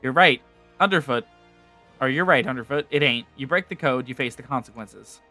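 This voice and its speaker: Brief: a streamer doing a gruff sea rogue, slangy and folksy, bright-toned voice. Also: male voice, mid-range voice, moderate pace, faint music behind, natural voice. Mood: stern. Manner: folksy, drops into slangy dialect. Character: gruff rough-spoken male sea rogue.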